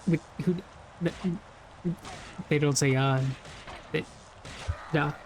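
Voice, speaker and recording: Talking slowly in a medium-pitched, fairly even voice, this young adult creator of gameplay videos chats loosely while playing. They ramble, laugh a lot and swear casually, with a bit of background noise behind them.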